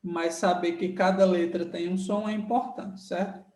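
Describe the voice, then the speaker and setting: A man's voice: high voice, fairly even intonation, distant mic. A male teacher with a Brazilian Portuguese accent, giving a recorded lesson, repeating letter sounds emphatically and checking in with his students. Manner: sounds out letters slowly and loudly. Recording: roomy echo, voice a bit off-mic.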